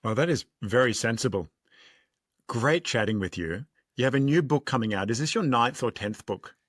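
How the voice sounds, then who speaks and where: A man's voice: mid-range voice, animated, normal speed, a bit bright, dry recording, studio quality. A man hosting a podcast interview, friendly and joking with his guest. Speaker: podcast host.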